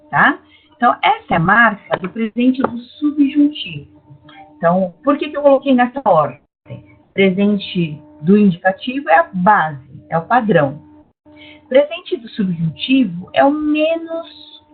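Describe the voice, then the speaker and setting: A Brazilian woman teaching an online class, patiently explaining grammar and checking in with her students. Her voice sits fairly high and a little husky. The sound is tinny and phone-like, with faint music behind. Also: lively intonation, measured pace. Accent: Brazilian Portuguese. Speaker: Greek teacher. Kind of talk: online lecture.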